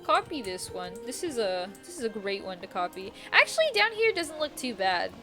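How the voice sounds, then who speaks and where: A woman's voice: on the high side, big pitch swings, a little fast, bright, forceful tone. A young woman streaming a game, chatting casually and rambling, with frequent giggles and casual swearing. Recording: faint music behind.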